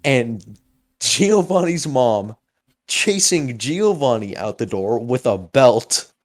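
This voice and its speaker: Podcast co-host, young man, casual storyteller with a lively, swooping delivery at an unhurried pace. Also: mid-range voice. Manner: animated, acts out voices in anecdotes.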